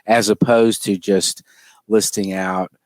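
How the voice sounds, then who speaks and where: Low-voiced man recalling admissions stories. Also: slow, no room sound. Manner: relaxed storytelling with fillers, clears throat. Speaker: former admissions director. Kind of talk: casual chat.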